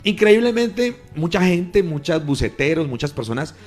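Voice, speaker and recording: Earnest pastor telling a testimony. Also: male voice, on the high side, sing-song, moderate pace, faint music behind. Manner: earnest, emphatic storytelling that swells louder at key moments. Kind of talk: recounting a testimony on a radio program. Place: radio studio.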